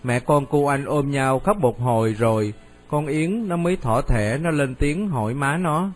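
A man narrating a radio story in a steady storytelling manner. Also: mid-range voice, measured pace, soft background music.

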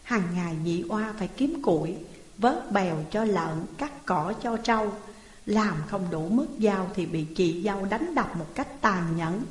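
A woman narrating a folk tale in a steady, measured way, in a roomy hall reverb. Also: medium pitch. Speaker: storyteller.

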